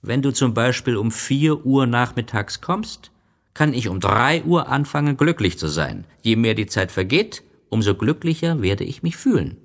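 Wise fox voiced by a man, patient, wistful, husky voice, expressive, storybook reading. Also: medium pitch, normal speed, voice pushed up. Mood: gentle, wistful. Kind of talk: audiobook reading.

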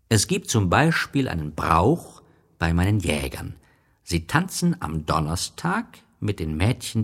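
A man voicing a wise, gentle fox in an audiobook reading, explaining things patiently and with a wistful tone. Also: deep voice, husky, full character voice.

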